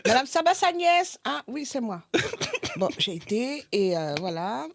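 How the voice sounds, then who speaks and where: Lively storytelling middle-aged woman. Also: fairly high pitch, measured pace, vocal fry, no echo. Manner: lively, dramatic, acts out other people's lines, laughs often. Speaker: mother of the host, guest. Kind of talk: animated storytelling in casual chat.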